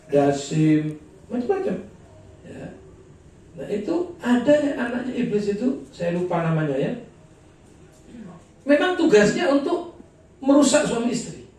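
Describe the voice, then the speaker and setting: An East Javanese religious teacher with a lively, swooping voice and a fairly high pitch. He talks chattily, drops in regional phrases and acts out domestic squabbles. The recording is heavily echoey and distant, with faint room noise behind. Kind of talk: informal religious lesson with humor. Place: gathering hall.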